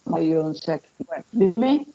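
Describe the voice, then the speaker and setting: A woman's voice: low-pitched, lively intonation, measured pace, dark tone, a little hiss or hum. A woman doctor teaching an online class while her voice comes through choppy and breaking up over a bad internet connection. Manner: patient, checks whether she can be heard. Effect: choppy, breaking-up audio over an unstable internet connection. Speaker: medical lecturer. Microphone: video call. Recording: dull lo-fi video-call audio.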